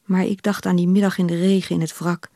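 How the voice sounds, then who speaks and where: A woman reading her novel aloud on radio in a measured, unhurried way, recorded in a studio on a close microphone. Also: fairly low pitch, level tone, warm tone, no room sound.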